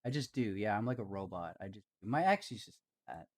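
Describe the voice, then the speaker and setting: A man's voice: fairly low pitch, sing-song, fast talker. A man with a Canadian accent, chatting casually and hesitantly as he streams himself building, often trailing off and joking at his own expense. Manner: rambling, hesitant, self-deprecating. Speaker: live streamer. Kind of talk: casual commentary while building.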